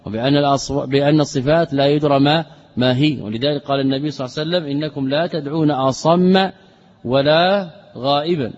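A man's voice: fairly high pitch, darkish tone. A man, a religious scholar, gives a lesson explaining a classical creed text term by term, often repeating phrases and answering his own questions. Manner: poses rhetorical questions and answers them himself. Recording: dull audio with long reverb.

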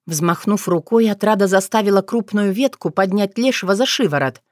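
An audiobook narrator reading a fairy tale in a measured storytelling manner. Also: medium pitch, dry recording, clean studio sound.

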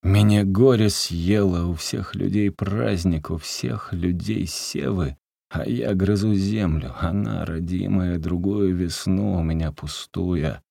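Male reader as a drunk peasant man in despair, gravelly and dark, wailing slow and loud. Storybook. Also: deep voice, no room sound, full character voice. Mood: drunk threatening. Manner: wailing, shouting, drawn-out. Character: drunk, grief-crazed peasant man, weeping and menacing.

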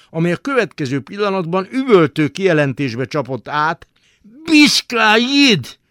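A man reading a literary story aloud for radio in a radio studio, with dramatic, expressive delivery. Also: a little high, no echo. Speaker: narrator.

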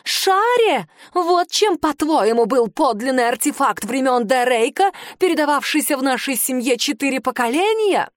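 A woman's voice: sits high, animated, moderate pace, dry recording, clean studio sound. A woman voicing a haughty aristocratic aunt who shrieks with venomous contempt, in an audiobook reading. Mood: furious scorn. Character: furious haughty aristocratic aunt, shrill and scornful.

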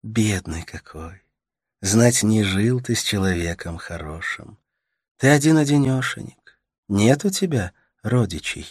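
Brief: gentle caring young woman, soft sing-song delivery, played by a male audiobook reader pitching up. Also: animated, a little slow, husky, no room sound, studio quality. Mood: tender. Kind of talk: audiobook character voice.

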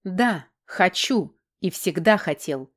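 A whiny, spiteful young prince, a younger brother who pleads and sulks in a lifted, strained tone, as a woman reads him in an audiobook. His voice pitches up above her low narrating register. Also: expressive, slow pace. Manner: whining, pleading, raised pitch. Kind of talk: audiobook character voice.

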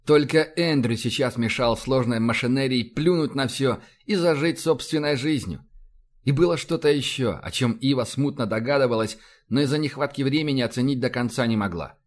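A man's voice: mid-range voice, normal speed. Man narrating an audiobook. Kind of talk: scripted narration.

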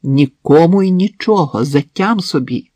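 A man reading an audiobook, voicing a desperate, cornered woman who shouts shrilly and hysterically. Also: fairly high pitch, expressive, measured pace, dry recording, pitched above the performer's own voice. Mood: pleading. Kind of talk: audiobook narration.

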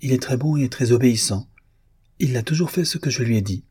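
A man's voice: fairly low pitch, normal speed, warm tone, husky, no echo, clean studio sound. A man reading the part of a shy, blunt young peasant girl in an audiobook, with an artless, hesitant delivery. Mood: plaintive.

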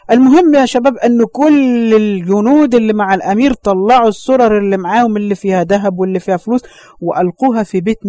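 A man's voice: sits high, dark tone, no room sound. A man with an Egyptian accent giving a religious lesson as a story, fervent and speaking straight to his listeners. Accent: Egyptian Arabic. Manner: fervent, addresses listeners directly, exclaims often. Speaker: Islamic preacher.

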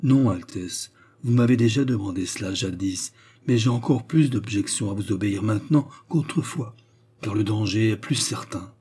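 A man voicing an earnest young English prisoner in an audiobook, speaking low and with devotion. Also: normal speed, mellow, breathy edge.

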